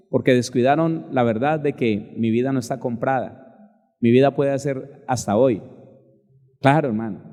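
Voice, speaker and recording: A male pastor preaching a sermon emphatically, spelling out words slowly and addressing listeners directly. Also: medium pitch, mellow, in a large hall.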